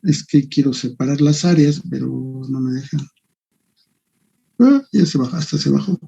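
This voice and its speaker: A man's voice: fairly high pitch, lively intonation, normal speed, creaky, dark tone, slightly rough, dull audio. A man teaching an online engineering class, thinking aloud and muttering to himself as he works on screen. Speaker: engineering lecturer.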